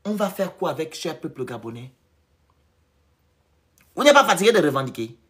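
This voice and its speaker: A man hosting a live stream of political commentary, who speaks emphatically and repeats phrases in loud bursts. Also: on the high side, big pitch swings, moderate pace.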